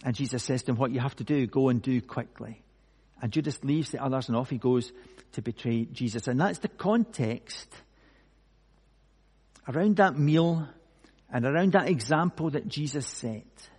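A male pastor preaching a sermon slowly and emphatically, with dramatic pauses. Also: medium pitch, a little mellow, breathy edge. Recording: long hall reverb.

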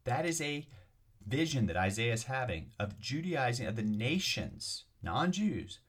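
A man's voice: mid-range voice, very animated, unhurried, slightly rough. A man teaching as a rabbi, reading scripture passages aloud and explaining them with emphatic, repeated points and occasional restarts. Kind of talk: lecture on scripture.

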